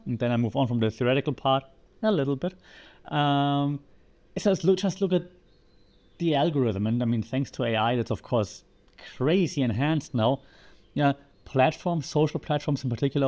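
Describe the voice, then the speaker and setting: Man explaining theories on a podcast. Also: mid-range voice. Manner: lively, asks the listener rhetorical questions. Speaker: podcast host.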